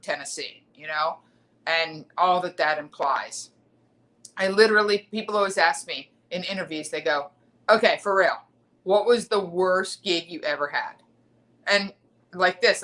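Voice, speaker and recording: Brief: middle-aged woman stand-up host, bright clear tone, lively self-mocking storyteller, livestream mic. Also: low voice. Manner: animated, self-mocking, acts out quoted voices. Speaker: stand-up comedian hosting a livestream. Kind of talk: casual storytelling monologue. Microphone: livestream webcam mic.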